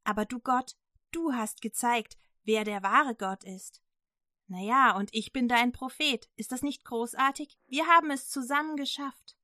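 A woman's voice: on the high side, unhurried, sharp tone, no room sound, studio quality, pitched above the performer's own voice. A woman voicing a worn-out male prophet who talks in earnest, sighing pleas. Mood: earnest weary.

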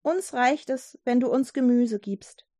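A woman voicing a calm, faithful young man in a children's storybook reading, speaking gently and reassuringly. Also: sits high, unhurried, no room sound, studio quality.

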